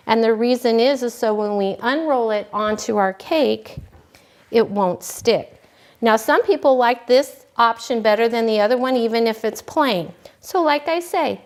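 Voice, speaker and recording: A woman cake decorating instructor giving a relaxed, folksy hands-on demonstration, talking as she works. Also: on the high side. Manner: folksy, relaxed, talks while working.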